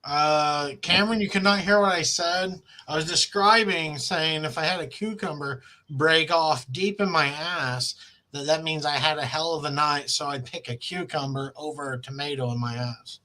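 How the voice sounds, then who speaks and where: A man's voice: a little high, moderate pace, sharp tone. A middle-aged man with a Wisconsin accent, co-hosting a crude, joking comedy chat on a video call and laughing often. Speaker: podcast co-host.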